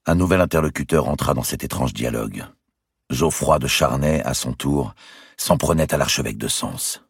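Deep husky male audiobook narrator, dry close sound. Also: no echo. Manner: measured storytelling.

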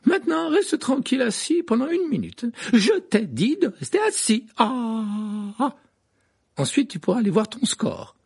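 A man's voice: very high-pitched, huge pitch swings, a little slow, darkish tone, breathy edge, pitched above the performer's own voice, full character voice. A man voicing an older woman healer who grumbles and scolds as she fusses over a patient. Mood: scolding. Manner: scolding, disgusted fussing.

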